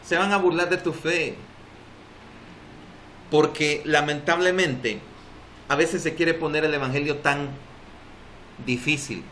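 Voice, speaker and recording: A man's voice: fairly high pitch, fairly even intonation, slow pace, long pauses, sharp tone, a little hiss or hum. A man with a Salvadoran accent preaching a sermon as pastor at a church service, emphatic and drawing responses from the congregation. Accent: Salvadoran Spanish.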